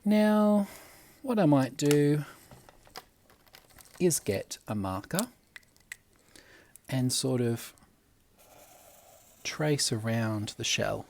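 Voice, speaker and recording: A young man, a primary school teacher, gently talking children through a drawing step by step. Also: medium pitch, lively intonation, vocal fry, slight background noise. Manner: gentle, unhurried, talks while drawing. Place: classroom at school.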